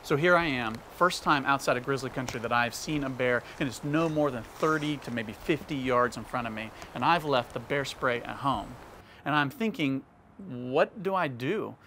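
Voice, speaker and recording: A man's voice: medium pitch, moderate pace, sharp tone, a little hiss or hum. A man, an outdoors vlogger, telling a hiking story and talking straight to his viewers in a casual way. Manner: conversational, addresses viewers directly.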